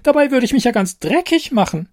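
A man voicing a tiny, impatient, snippy female fairy with a squeaky voice in a storybook reading. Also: very animated, a little fast, darkish tone.

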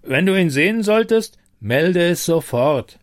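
A man voicing a burly male city guard who questions people with gruff suspicion. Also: high-pitched, animated, a little slow, voice pushed up. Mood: suspicious.

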